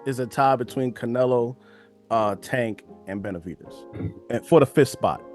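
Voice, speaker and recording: Male podcast co-host, mid-pitched, easygoing, casual boxing chat, light music bed. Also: normal speed.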